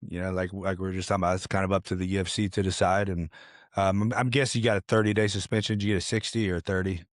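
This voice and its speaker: A man's voice: low voice, little pitch movement, very fast, no echo, clean studio sound. A man hosting a casual interview podcast, laid-back and full of fillers like "you know" and "man.". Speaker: podcast host and coach.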